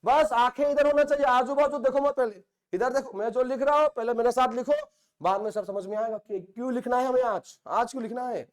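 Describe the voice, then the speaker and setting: A man's voice: very high voice, a little fast. A male chemistry teacher from India lecturing a classroom, joking, teasing and scolding the students while drilling points by repetition. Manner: repeats phrases for drilling.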